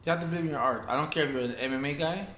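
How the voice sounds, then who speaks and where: Rambling martial arts teacher in echoey room. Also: male voice, on the high side, rapid-fire, a bit bright, slight background noise. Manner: rambling, repeats himself, talks while demonstrating moves. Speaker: Wing Chun instructor. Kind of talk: casual martial arts demonstration talk. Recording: echoey room with faint ambience.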